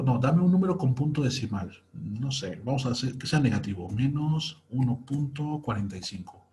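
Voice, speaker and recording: Patient man with a mellow voice teaching code. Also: mid-range voice. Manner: patient, walks through each step aloud. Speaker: programming teacher. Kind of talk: screen-recorded coding tutorial.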